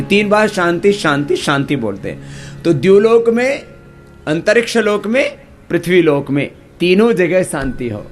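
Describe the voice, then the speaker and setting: A man with an Indian accent leading a yoga class, chanting mantras slowly and correcting the students' pronunciation. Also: a little high. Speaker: yoga teacher.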